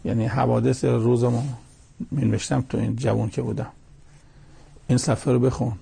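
Preacher doing an old father in a sermon story, tender and reproachful, raspy and gravelly. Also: mid-range voice, level tone, warm tone, heavily acted. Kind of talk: story told within a sermon.

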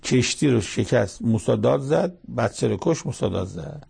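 A man's voice: medium pitch, lively intonation, gravelly, a little mellow, breathy edge. A man giving short verse-by-verse Quran commentary, telling the scripture story plainly with everyday sayings. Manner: plain storytelling with colloquial asides.

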